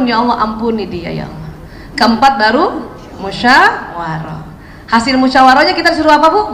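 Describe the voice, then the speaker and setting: A woman's voice: high voice, a bit bright. A woman teaching an Islamic study session to mothers, often quizzing her listeners with questions. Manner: quizzes the audience with frequent questions. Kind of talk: religious study lecture to mothers. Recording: echoey room with faint noise.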